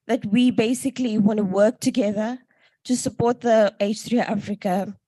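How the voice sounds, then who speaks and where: A woman's voice: medium pitch, fairly even intonation, normal speed, dark tone, husky, no room sound, poor audio. Breathless woman giving a conference talk. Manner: hesitant, frequent ums and uhs. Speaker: conference presenter. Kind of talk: conference presentation.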